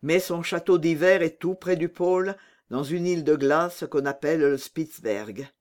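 A woman's voice: low-pitched, moderate pace, a little mellow, natural voice. A woman voicing a homesick reindeer who speaks of its snowy home with a dreamy sigh, in a storybook reading. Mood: wistful. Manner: sighing, dreamy.

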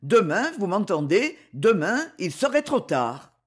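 A man reading the part of a calm, solemn male sorcerer in an audiobook, speaking slowly and gravely. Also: high-pitched, heavily acted.

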